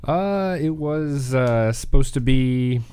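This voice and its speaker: A man appearing as a guest homebrewer on a casual podcast, easygoing and halting, pausing often with fillers. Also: medium pitch, animated, dark tone, smooth. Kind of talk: casual chat.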